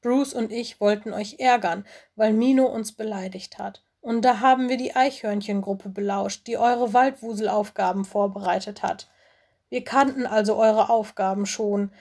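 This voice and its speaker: A woman's voice: mid-range voice, steady tone, normal speed, a little mellow, lightly acted. A woman voicing a young male ice wolf, usually cocky, now stammering and sobbing as he pleads. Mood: tearful pleading.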